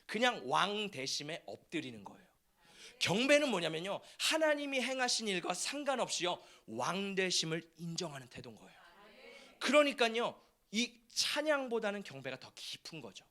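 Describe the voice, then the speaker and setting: A male pastor preaching a fervent sermon in a church sanctuary, often breaking into shouts. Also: high voice, big pitch swings, normal speed.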